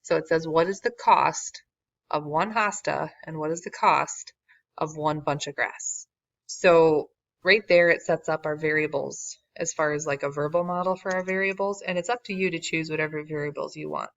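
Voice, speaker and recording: Woman teacher, low voice, gravelly fry, casual wry asides, losing her voice, dull dry recording. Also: steady tone, moderate pace, dry recording. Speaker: math teacher. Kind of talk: recorded classroom lesson walkthrough.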